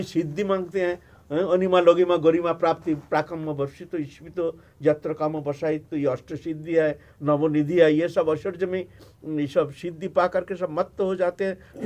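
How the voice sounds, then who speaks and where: A man's voice: on the high side, steady tone, moderate pace, a little mellow, close to an everyday voice. A man voicing a fretful, secretive male god. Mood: explaining. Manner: fretful, insistent repetition.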